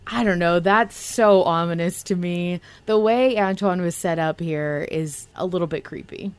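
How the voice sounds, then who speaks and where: A woman co-hosting a fan podcast chats casually about an audio drama, using slangy language. Her voice is lowish, smooth, and a little slow.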